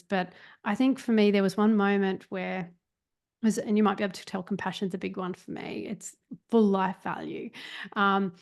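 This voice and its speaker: A woman speaks as a podcast guest in an unhurried, reflective way, often pausing and restarting as she hunts for the right word. Her voice carries a noticeable gravelly fry at the ends of phrases. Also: mid-range voice, darkish tone. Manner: searching, with many fillers and restarts. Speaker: guest, meditation teacher.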